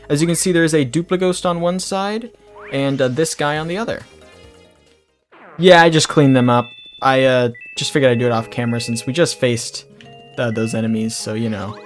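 A man giving casual let's play commentary, rambling through jokey asides as he plays. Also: mid-range voice. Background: game music.

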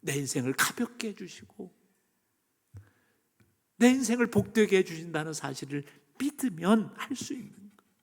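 A man preaching a sermon as pastor, moving between loud emphasis and hushed near-whispers. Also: high-pitched, sing-song, normal speed, pauses often. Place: church sanctuary. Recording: long church reverb.

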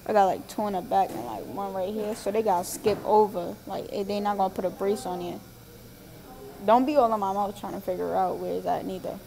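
A woman's voice: mid-range voice, steady tone, brisk, vocal fry, dark tone, low-quality recording. A nineteen-year-old woman vlogging through a face mask, in laid-back slangy street talk, at a dental office. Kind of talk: casual vlog chat.

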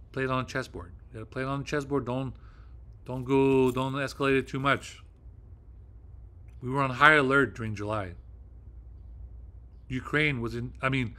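A man's voice: mid-range voice, pushed and bright. A man hosting his own video, talking off the cuff in a rambling, agitated way, with heavy fillers and swearing. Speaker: video host. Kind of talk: casual monologue.

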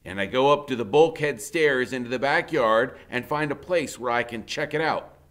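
An American teacher in his fifties reads a first-person story aloud in an indoor classroom in front of a whiteboard. His voice is medium-pitched and a bit bright, and his delivery is dramatic and conversational, drawing out key words for emphasis.

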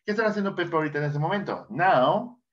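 A man's voice: a little high, lively intonation, quick pace. A man with a Mexican Spanish accent teaching an English lesson, patiently repeating words and answering his own questions for students. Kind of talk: classroom lesson explanation. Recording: dull lo-fi sound.

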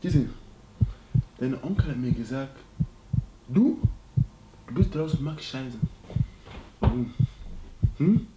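A man's voice: mid-range voice, lively intonation, slow, long pauses, heavy background noise. A man voicing a strict, angry father who scolds in broken German. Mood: stern. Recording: echoey room with background music.

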